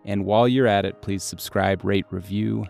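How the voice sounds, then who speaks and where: A man's voice: on the low side, steady tone, normal speed, gravelly, a little mellow, faint music behind. A man co-hosting a podcast about books, casual and joking. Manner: joking, laughs easily. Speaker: podcast co-host. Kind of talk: casual book discussion.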